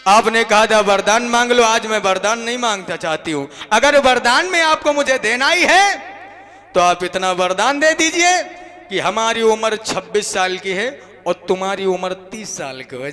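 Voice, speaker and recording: A man with a very high, bright voice narrates a devotional folk tale at a slow pace. He voices the quoted speakers in turn as he tells it. The sound carries a long hall reverb with faint music behind. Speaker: folk bhajan storyteller. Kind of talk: sung and spoken devotional story.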